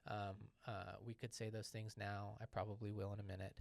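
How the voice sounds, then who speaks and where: A man's voice: fairly low pitch, level tone, fairly quick, creaky, a little mellow, dry recording. A man co-hosting a ministry podcast in a loose, conversational way, with fillers and friendly asides. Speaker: podcast co-host. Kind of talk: casual podcast chat.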